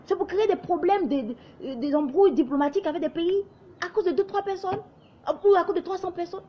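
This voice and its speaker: In a lo-fi recording, a young online commentator from Ivory Coast speaks briskly in a very high-pitched voice. Her French carries a light Ivorian accent as she lectures the camera passionately, urging her listeners on and mimicking others in quoted asides.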